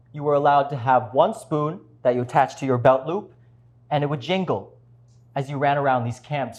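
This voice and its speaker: A man playing both parts in a one-man show, here as a refugee father gravely recounting his survival in a measured stage monologue. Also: medium pitch, a little mellow, lightly acted.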